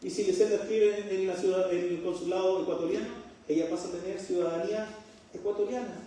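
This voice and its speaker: A man's voice: sits high, fairly even intonation, fairly quick, warm tone, slight background noise. A middle-aged man from Chile with a Chilean accent, preaching a sermon and putting rhetorical questions to his congregation with joking asides. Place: church hall. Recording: very echoey room, mic far off.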